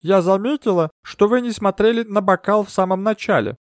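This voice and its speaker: A man's voice: high voice, fairly quick, no echo, studio quality, pitched above the performer's own voice, natural voice. A man voicing a theatrical female spirit medium who speaks in an affected, mysterious way.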